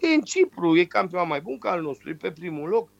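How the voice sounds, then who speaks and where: A man's voice: high voice, creaky, no echo. A man calling in as a football pundit, ranting in heated sports talk, his nose stuffed up from a cold, over a muffled phone line. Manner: animated, ranting.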